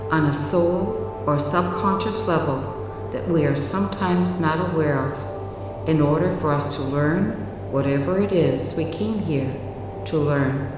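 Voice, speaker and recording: A woman narrating a guided relaxation meditation in a soothing, measured way with long pauses, recorded with heavy reverb. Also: deep voice. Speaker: hypnotherapy guide. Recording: very echoey, long reverb, distant. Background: music.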